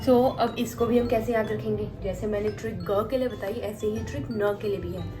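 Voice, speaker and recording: A woman teaching the Korean alphabet, slowly repeating each sound and giving memory tricks. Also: mid-range voice, fairly even intonation, over music. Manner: slow, repetitive, spells out sounds and mnemonics. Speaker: language teacher.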